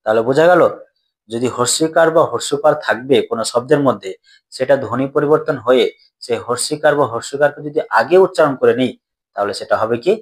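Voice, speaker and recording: A man's voice: mid-range voice, fairly quick. A man teaching a grammar lesson, often asking his students questions and then answering them himself.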